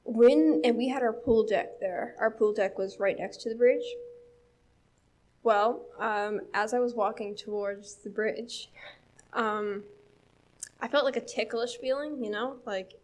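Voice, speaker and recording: A woman's voice: medium pitch, unhurried, a little mellow. A young woman with a Newfoundland accent telling a story at church, chatty, with lots of fillers and laughs. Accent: Newfoundland English. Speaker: church speaker. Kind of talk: casual storytelling talk.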